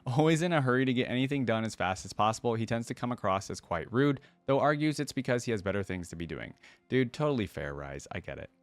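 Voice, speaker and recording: Very animated and fast-talking, a mid-voiced man reads text for his reaction video and comments casually, addressing people as "guys" and "dude," with no echo on the audio.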